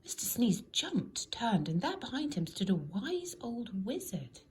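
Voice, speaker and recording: A woman narrating a children's storybook in an expressive, deliberate storytelling manner. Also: fairly high pitch, a little hiss or hum. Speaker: storybook reader.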